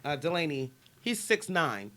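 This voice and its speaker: A woman's voice: low-pitched, big pitch swings, measured pace, fairly bright tone. A woman co-hosting a live stream in casual chat, pushing back and laughing along.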